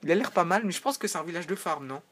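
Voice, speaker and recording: A man's voice: high-pitched, lively intonation, very fast, a bit bright, a little hiss or hum. A man giving casual, joking commentary over a video game, rambling into side remarks. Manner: chatty, joking, rambling asides.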